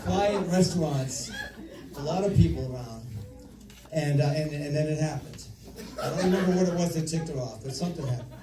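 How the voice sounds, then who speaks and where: A middle-aged man giving a humorous father of the bride speech, telling stories with deliberate pauses and repeated phrases. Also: a little high, expressive. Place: reception room before an audience. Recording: echoey room, distant mic, audience noise. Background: audience laughter and crowd noise.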